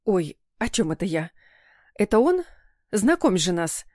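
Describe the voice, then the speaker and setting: A woman reading a story voices a flustered, emotional middle-aged mother who chatters rapidly. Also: mid-range voice, big pitch swings, darkish tone, no echo, studio quality. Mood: excited.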